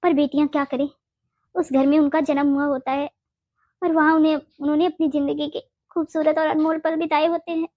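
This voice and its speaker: A woman voicing a fiercely protective, sharp-tongued older mother-in-law in a Hindi cartoon, blunt and bossy. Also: high voice, little pitch movement, a little fast, dry recording, clean studio sound, lightly acted. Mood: consoling. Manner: blunt, scolding, makes boastful vows.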